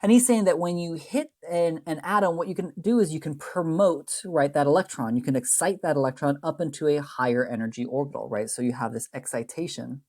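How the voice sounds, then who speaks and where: Fairly high-pitched and a bit mellow, this male chemistry instructor talks a little fast with few pauses in a recorded lecture. He meanders through his slides, checking in via tag questions and correcting himself in the middle of sentences, while downplaying the math.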